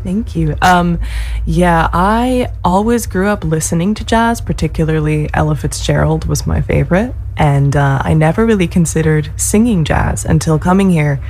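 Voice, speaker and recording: A young woman songwriter, raised in Scotland and the US, answering interview questions in a soft, thoughtful way with frequent ums. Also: sits low, moderate pace, slight background noise. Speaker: guest songwriter. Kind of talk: casual interview.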